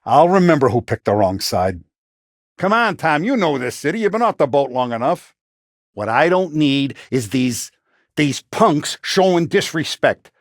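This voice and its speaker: A middle-aged man voices a commanding Italian-American mafia boss from a 1930s gangster video game, his pitch swinging widely and the recording dry, close, and echo-free. He speaks blunt street slang with authority and a vengeful edge, very animated and a little slow, sounding exasperated and angry.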